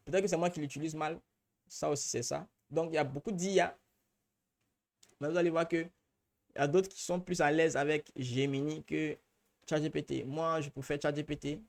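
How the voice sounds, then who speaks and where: A man's voice: on the high side, a little mellow. A man with an Ivorian French accent, chatty and slangy, running a live workshop question-and-answer session. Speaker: trainer.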